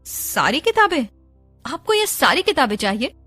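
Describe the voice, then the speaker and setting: A woman voicing a cheerful young male bookseller boy in an audio story, eager and pleading as he makes his sales pitch. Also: big pitch swings, normal speed, sharp tone, soft background music, exaggerated voice.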